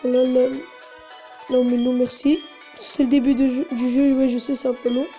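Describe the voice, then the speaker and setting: High, dark-toned woman giving a casual tutorial. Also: level tone, normal speed, soft background music. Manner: chatty step-by-step instructions, many fillers. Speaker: tutorial host. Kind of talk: casual screen-recording tutorial narration.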